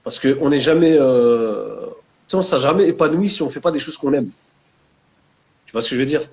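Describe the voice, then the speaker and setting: The recording is muffled, and the young man's mid-range voice comes through fairly quick, a little mellow and with vocal fry. A book author appearing as a guest, he is French of Maghrebi family, has a French Maghrebi urban accent, and talks casually in a discussion, weaving Arabic religious terms into street slang.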